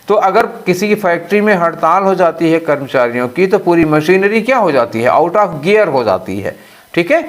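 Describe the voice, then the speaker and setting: A man teaching English for an exam, explaining in a mix of Hindi and English and asking and answering his own questions. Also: high-pitched. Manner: slows way down to read out English phrases. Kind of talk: exam-prep lesson.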